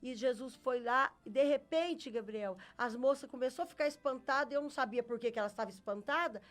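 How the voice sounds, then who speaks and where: A middle-aged Brazilian woman, speaking with a Brazilian Portuguese accent, shares her faith testimony as a guest in an interview. Her voice sits high and moves fairly quickly. She tells her story earnestly, acting out what each person said.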